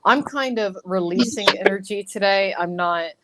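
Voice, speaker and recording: A woman hosting a casual online chat, talking candidly and with emphasis, pausing now and then. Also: medium pitch, crowd noise, poor audio. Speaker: host of an online talk channel.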